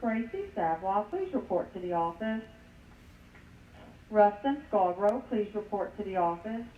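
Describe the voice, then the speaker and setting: A woman making brisk, routine announcements over a school intercom, calling students to the office. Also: mid-range voice, lively intonation. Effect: school intercom announcement over a loudspeaker. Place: heard through a school hallway speaker. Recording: echoey, distant, muffled loudspeaker with faint hiss.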